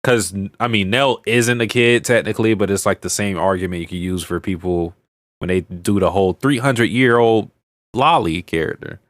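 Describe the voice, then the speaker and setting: A man's voice: lowish voice, normal speed, no room sound. A man giving casual, blunt and crude commentary while playing a video game, with joking asides and stammered restarts. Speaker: let's play streamer.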